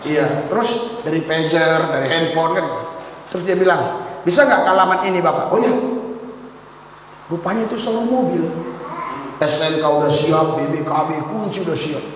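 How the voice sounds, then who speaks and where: A man preaching in a high voice, spinning an animated story full of acted-out quotes and laughter. His voice rings out through a large, echoing church hall with a long reverb tail. A faint hum of background noise sits under it. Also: normal speed. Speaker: pastor. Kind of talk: sermon. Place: church hall with a live congregation.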